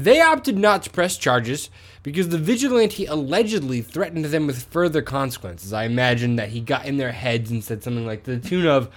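A man co-hosting a podcast in casual comedic chat, rambling and profane, often correcting himself. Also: mid-range voice. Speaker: podcast co-host.

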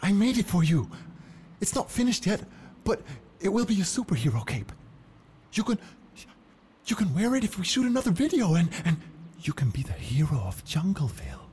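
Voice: mid-range voice, very animated, moderate pace, long pauses, darkish tone, natural voice. A performer voicing an eager little male squirrel monkey in a children's story, stammering shyly. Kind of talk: children's audio story character voice.

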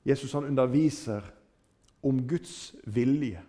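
A man preaching a sermon, retelling stories with dramatic rises and falls in his voice. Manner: dramatic retelling with wide swings in pitch and loudness.

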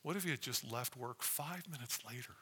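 Male preacher, very sharp forceful voice, conversational yet emphatic sermon delivery, big echoing hall. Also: medium pitch, a little fast, slightly rough. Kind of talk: sermon to a congregation, with personal anecdotes. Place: large reverberant room, preaching to an audience. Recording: reverberant hall sound.

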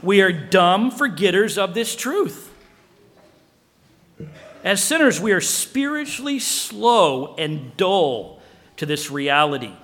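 A man preaching a sermon as pastor in an animated way, acting out dialogue. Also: high-pitched, takes it slowly, long reverb tail.

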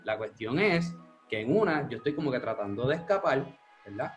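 A man's voice: medium pitch, brisk, faint music behind. A man telling a childhood story in casual chat, slipping English words in. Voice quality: animated, mixes English words.

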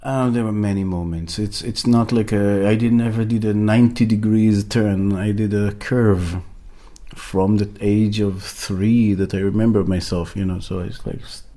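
This middle-aged man from Israel, a workshop facilitator, answers interview questions earnestly, often restarting and filling pauses as he searches for words. He speaks at normal speed in a mellow voice on the low side, with fairly even intonation.

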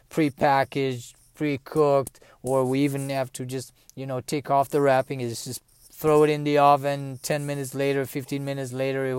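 Rambling man with smooth voice. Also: medium pitch, a little mellow, no room sound, clean studio sound. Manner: rambling with many fillers and restarts. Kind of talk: casual personal storytelling monologue.

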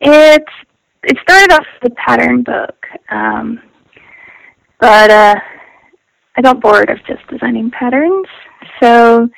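A woman's voice: fairly high pitch, slow, gravelly, pauses often, no echo. A woman guest heard over an internet phone call, talking casually and hesitantly with many ums and restarts. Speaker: guest knitwear designer.

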